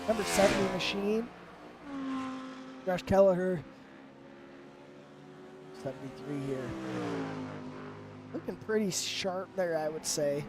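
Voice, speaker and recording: A man commentating a live sim race, upbeat and rambling with fillers, his voice worn from the flu. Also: high-pitched. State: sick with flu.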